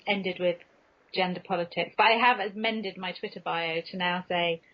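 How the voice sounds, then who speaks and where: Her voice sits on the low side, with a steady tone and normal speed. She's a candid, casual podcast guest telling comic anecdotes at her own expense, recorded on muffled, dull lo-fi audio.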